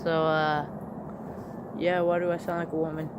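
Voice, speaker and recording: A man's voice: on the high side, monotone, moderate pace, lo-fi sound, background noise. A man talking through a gender swap voice filter that makes him sound like a woman, rambling hesitantly in a casual vlog from up in a tree in the woods. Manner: hesitant, rambling, many fillers. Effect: gender swap voice filter making him sound like a woman.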